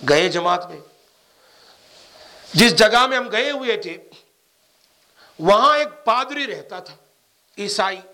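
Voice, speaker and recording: A man preaching, telling a long religious story and acting out the dialogue. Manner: animated, acts out dialogue with shifting pitch. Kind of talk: storytelling sermon.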